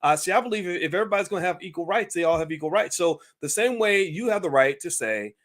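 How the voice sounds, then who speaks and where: A channel host chats directly to his viewers in loose, casual talk-show commentary, his voice a little high and a bit bright for a man. Animated and fast, he keeps restarting sentences, laughing, and asking the audience for their thoughts.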